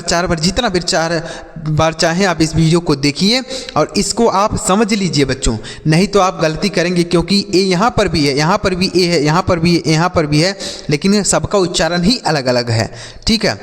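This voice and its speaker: A male teacher giving a slow spelling and phonics lesson for children, spelling letters aloud and asking questions before answering them himself. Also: on the high side, big-room sound. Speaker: English teacher.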